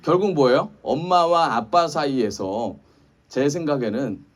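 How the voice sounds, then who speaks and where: A man's voice: a little high, a little slow, distant mic, faint music behind. A male pastor in his thirties giving a conversational sermon full of rhetorical questions. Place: church sanctuary.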